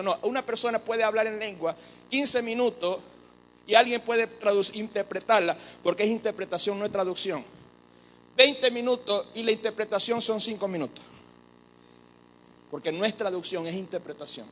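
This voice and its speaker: Bright high-voiced male preacher. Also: low-quality recording. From Venezuela. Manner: animated, joking with the congregation, mimics others' voices. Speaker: apostle preaching. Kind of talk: sermon.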